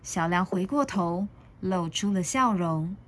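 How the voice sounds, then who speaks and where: A woman reading a picture book aloud as storyteller, expressive and pausing to ask listeners questions. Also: on the low side.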